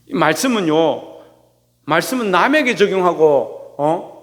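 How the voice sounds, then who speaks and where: A male pastor preaching to his church in a fairly high voice. He fires questions at the congregation, answers them himself and mimics scolding lines. His words ring out with a long reverb, as in a church sanctuary. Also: lively intonation, unhurried, a bit bright. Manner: acts out quoted scolding in a raised voice. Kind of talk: sermon.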